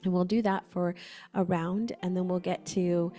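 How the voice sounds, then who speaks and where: A woman facilitator giving gentle, conversational instructions for a breathwork session, often saying "like". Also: lowish voice, little pitch movement, moderate pace, soft background music.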